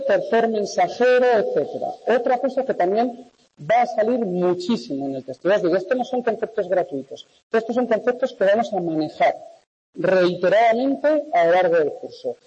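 Long, echoing reverb surrounds a man from Spain with a Spanish accent as he lectures. His voice is high and somewhat mellow. He talks conversationally to his class, often checking that they understand. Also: husky. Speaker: university lecturer. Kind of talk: interactive lecture to class and remote students. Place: large echoey classroom. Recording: echoey classroom, long reverb, dull sound.

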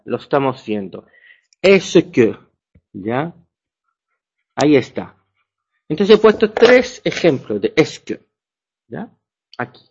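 A man's voice: a little high, slightly rough. Man teaching in a lo-fi recording. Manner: explanatory, checks understanding with "ya". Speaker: French teacher. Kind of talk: classroom lecture. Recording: dull lo-fi sound.

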